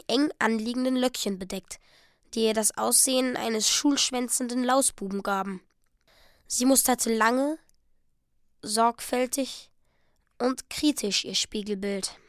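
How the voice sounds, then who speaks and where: A woman narrating a story aloud in a calm, measured reading. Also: fairly high pitch, clean tone, no room sound, clean studio sound.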